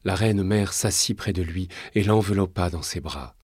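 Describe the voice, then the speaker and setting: A man narrating a historical novel in a measured, dramatic storytelling manner. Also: low-pitched, darkish tone, slightly rough, no room sound, studio quality.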